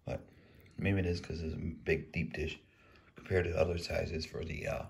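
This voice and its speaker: A man casually reviewing a frozen meal while eating, rambling in a relaxed way. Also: low voice, moderate pace, gravelly. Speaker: food reviewer. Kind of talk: casual food review vlog.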